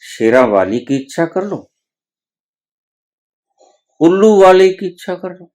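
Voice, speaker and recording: A man's voice: high voice, sing-song, takes it slowly, darkish tone. A man giving a spiritual discourse, reciting scripture verses and explaining them with rising emphasis. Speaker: spiritual teacher.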